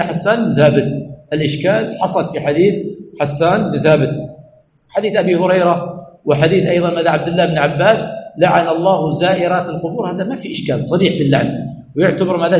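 High quick-talking man teaching in an echoey hall. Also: a little mellow. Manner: repeats key words, asks "what?" before each answer. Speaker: religious teacher. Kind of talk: Islamic lesson, call-and-response questioning. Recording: echoey hall with faint background noise.

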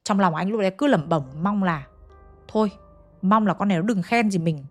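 A young woman from Hanoi tells a ghost story in a chatty style, talking directly to her audience. Her voice is medium-pitched and fairly quick, with soft music playing in the background.

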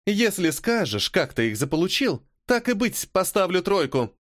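Shrill commanding teacher lady, sharp and accusing, very high and lively, put on by a male narrator; dry close audiobook recording. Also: moderate pace. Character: shrill bossy female math teacher, middle-aged.

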